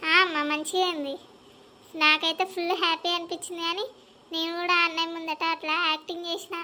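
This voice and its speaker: A woman's voice: very high-pitched, flat delivery, pushed and bright, exaggerated voice. A woman with a Telangana accent playing a sly, meddling young married daughter in a village skit. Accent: Telangana Telugu. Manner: quick, teasing and meddling. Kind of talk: village comedy skit acting.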